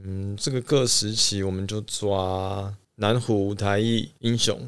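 A man with a Taiwanese Mandarin accent hosting a podcast, briskly asking questions and prompting his guest with short replies. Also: fairly low pitch, steady tone, clear, resonant tone, no echo. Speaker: podcast host. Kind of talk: casual podcast interviewing.

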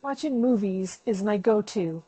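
A woman's voice: medium pitch, lively intonation, measured pace, dark tone, husky, no room sound, poor audio. A woman giving short, plain scripted answers in a dialogue drill. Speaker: example speaker in a dialogue drill.

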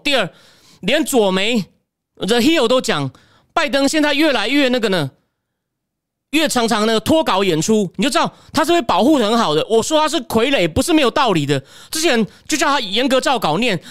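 A man with a Taiwanese Mandarin accent delivers opinionated political commentary alone, pressing the viewer with rhetorical questions. His voice sits unusually high and he talks at a rapid clip. The sound is close and dry, with almost no room around it. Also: fairly bright tone, no room sound.

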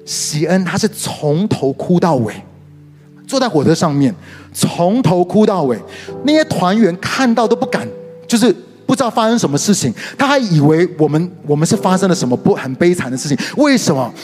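A middle-aged man with a Taiwanese Mandarin accent preaching a sermon, telling stories animatedly with sudden leaps in pitch. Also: lively intonation, normal speed. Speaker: pastor and worship leader. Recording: reverberant hall with soft music behind.

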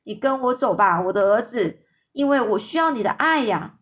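A pleading, tearful old beggar mother from a children's storybook, as a woman reader puts her on. Her voice sits high and lifts a little louder than the telling around it. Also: lively intonation, moderate pace, natural voice.

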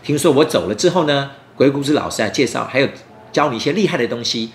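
A man's voice: medium pitch, lively intonation, quick pace, pitched above the performer's own voice, lightly acted. A man voicing a scheming male schoolmate in a children's story, falsely friendly, coaxing and self-important. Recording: roomy echo, faint background noise.

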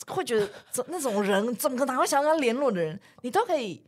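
A woman's voice: sits high, animated, quick pace. A woman, co-hosting a podcast in a casual chat, teasing and asking probing questions. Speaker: podcast co-host.

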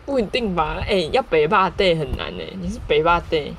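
High, lively teasing man. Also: normal speed, creaky, slight background noise. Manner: teasing, laughs often. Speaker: podcast co-host. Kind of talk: casual chat.

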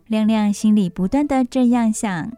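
A woman radio host reading a bedtime story for children, expressive, with asides to listeners. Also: a little high, normal speed, clean tone, dry recording, soft background music. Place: radio studio.

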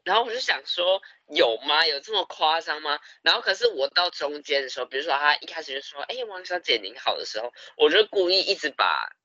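A young man, telling stories in a casual podcast chat, animated and laughing often. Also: a little high, a little fast, few pauses, dry recording, highs cut off. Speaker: podcast co-host.

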